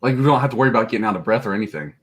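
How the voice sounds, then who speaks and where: Low-voiced, jokey male stock co-host. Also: animated, racing. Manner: jokey, laughs easily, blunt and a bit profane. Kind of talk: casual livestream market chat.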